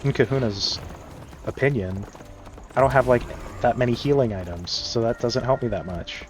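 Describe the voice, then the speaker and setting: A man's voice: mid-range voice, moderate pace, slight background noise. A man streaming a game and chatting casually, rambling with many fillers and frequent chuckles. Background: game music.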